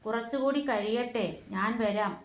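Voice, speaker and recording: A woman voicing a playful, excitable young boy kite who pleads to keep flying. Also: on the high side, unhurried, roomy sound, natural voice. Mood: pleading.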